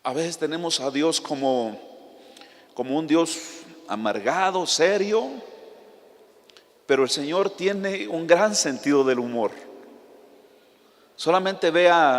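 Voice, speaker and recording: Impassioned preacher, fairly high voice. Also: male voice, in a large hall. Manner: impassioned storytelling, bursts into near-shouting. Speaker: pastor. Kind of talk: sermon.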